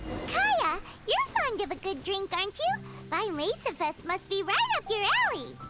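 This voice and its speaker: A woman's voice: very high voice, wildly swooping pitch, normal speed, over loud music, pitched above the performer's own voice, heavily acted. A woman putting on a tiny, cheeky female fairy companion voice with exaggerated singsong delivery.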